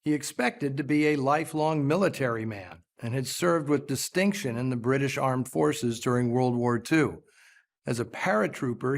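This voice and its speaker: Man presenting scripted film commentary. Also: mid-range voice. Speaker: film show host.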